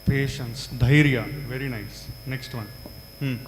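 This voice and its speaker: This is an interactive classroom lecture: a South Indian-accented man with a mid-range voice and fairly even intonation addresses a large group, unhurried, repeating answers and prompting with short questions. The big hall makes the audio echoey and reverberant, and a faint hum sits underneath.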